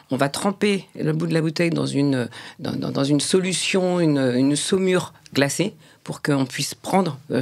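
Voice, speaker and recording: Gravelly, husky woman explaining haltingly. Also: low-pitched, a little mellow. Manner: halting, frequent restarts. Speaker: champagne producer. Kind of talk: explanatory interview talk.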